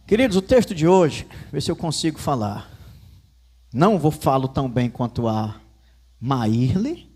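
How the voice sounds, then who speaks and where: A man's voice: fairly high pitch, darkish tone, slightly rough. A man with a Northeastern Brazilian accent, a pastor preaching a sermon in church with folksy asides and storytelling.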